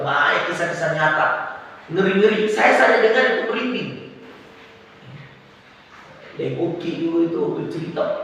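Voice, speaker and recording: A man preaching in a fairly high voice, flipping between loud outbursts and quiet murmurs. He sounds far from the mic in a big mosque hall that echoes heavily, with a faint hiss underneath. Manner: lively, swings between loud exclamations and hushed asides. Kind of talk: sermon.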